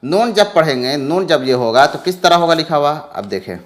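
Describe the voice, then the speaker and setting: A man teaching letter reading in a patient lesson, repeating letter names slowly and drawn out. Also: fairly high pitch, expressive. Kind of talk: slow explanatory lesson.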